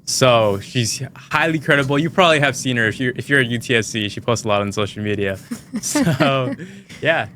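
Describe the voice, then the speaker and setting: A man's voice: medium pitch, animated, normal speed, pushed and bright, a little hiss or hum. A man hosting an interview podcast, introducing his guest casually and upbeat, with frequent short acknowledgements. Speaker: podcast host.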